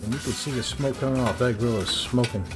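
A man's voice: mid-range voice, fast talker, music in the background. A man hosting his cooking channel, casually talking viewers through each step as he cooks at an outdoor griddle. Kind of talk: casual cooking demo narration.

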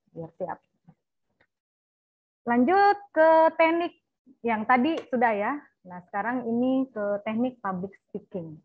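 A woman's voice: medium pitch, breathy edge, no echo. Woman, middle-aged, university lecturer, chatty with fillers, thin tinny sound, dry. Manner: chatty, frequent "ya" and "nah" fillers. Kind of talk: online lecture to students.

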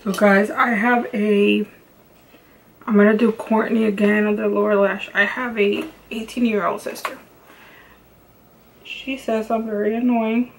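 A woman's voice: medium pitch, little pitch movement, unhurried, long pauses, a little hiss or hum, poor audio. A woman, chatting casually through a makeup tutorial in her bedroom, full of "like" and "um" fillers. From Los Angeles, United States. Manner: chatty, rambling, many "like" and "um" fillers. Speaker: beauty vlogger. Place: home bedroom with lamps and makeup shelves.

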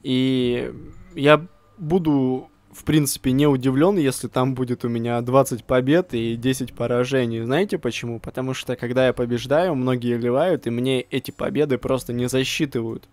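A man's voice: medium pitch, steady tone, moderate pace, few pauses, a little mellow, no echo. A man giving casual, slangy gameplay commentary with self-deprecating grumbling. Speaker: gaming video host.

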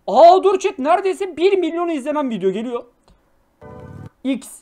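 High-voiced man ranting loudly. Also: big pitch swings, brisk, soft background music. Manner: loud, exclaiming, mock-scolding and swearing. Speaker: live streamer. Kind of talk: live-stream reaction commentary.

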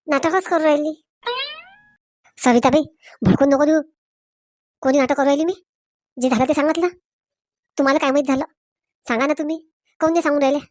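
A woman's voice: high-pitched, a little mellow, no room sound, clean studio sound. A woman performing a village comedy sketch, switching between several characters in rustic dialect.

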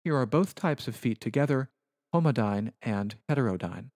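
Dry, measured male Latin lecturer. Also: mid-range voice, expressive, darkish tone, no room sound. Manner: measured, precise, explanatory. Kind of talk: recorded lecture narration over slides.

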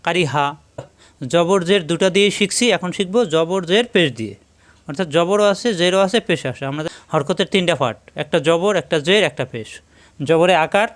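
A man teaching Quran reading step by step, spelling out each letter and vowel mark, then repeating each word slowly. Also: high voice, animated. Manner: repeats the same reminder again and again. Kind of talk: step-by-step recitation lesson.

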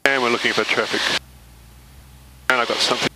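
A man's voice: medium pitch, fairly even intonation, a little fast. A male pilot on a cockpit headset, narrating a training flight in a small plane and talking himself through his checks and traffic calls. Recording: loud engine noise behind.

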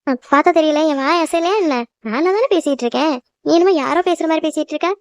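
A woman's voice: high-pitched, fast, dry recording. A woman voicing a young cartoon bride, a devoted daughter who teases and reassures her mother. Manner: teasing, reassuring, chatty. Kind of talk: cartoon voice acting.

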